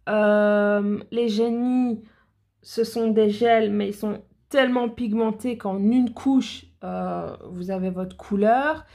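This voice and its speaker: Gravelly-voiced woman chatting about nail products. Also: medium pitch, fairly even intonation, takes it slowly, dark tone. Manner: chatty, enthusiastic, many fillers and restarts. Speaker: nail educator and vlogger. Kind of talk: casual product haul chat.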